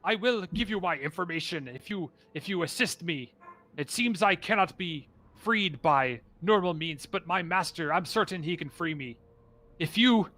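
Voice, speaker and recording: A man's voice: fairly high pitch, sharp tone, voice pushed up. A man voicing a hulking, gorilla-like male wizard who is trapped, angry and pleading for help.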